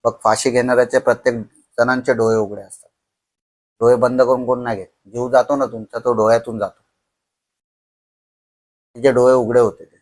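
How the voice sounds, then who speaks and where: A young man telling a horror story on a podcast, slow and dramatic, dropping to a hush at tense moments. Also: mid-range voice, level tone.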